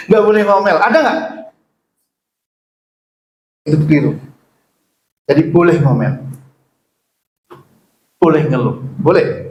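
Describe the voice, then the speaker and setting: A man's voice: fairly high pitch, a little hiss or hum. A man preaching a sermon as pastor, joking and putting questions to his congregation. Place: church hall. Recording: echoey church hall.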